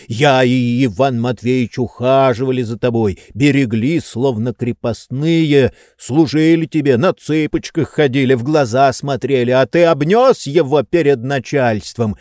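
A man voicing a loud, boorish male sponger in an audiobook, hurling abuse and indignant accusations. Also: medium pitch, measured pace, hardly any pauses, no echo, clean studio sound, natural voice. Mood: bellowing abuse. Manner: bellowing, abusive, indignant. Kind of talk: audiobook character voice.

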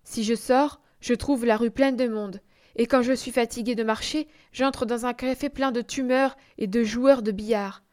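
A woman reading a classic short story aloud in measured, expressive audiobook narration. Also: fairly high pitch. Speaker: audiobook reader.

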